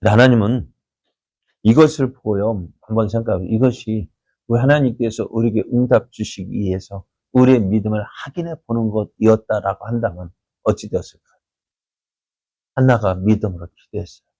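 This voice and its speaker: A man preaching a dawn prayer sermon as pastor, asking his congregation many rhetorical questions and acting out quoted voices in loud bursts. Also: lowish voice, moderate pace, husky, no echo.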